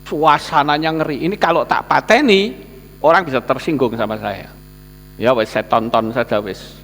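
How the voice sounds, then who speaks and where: A male pastor with a Javanese accent delivering a storytelling sermon in an animated manner, acting out the people he describes. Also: mid-range voice, normal speed, a little hiss or hum. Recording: long hall reverb.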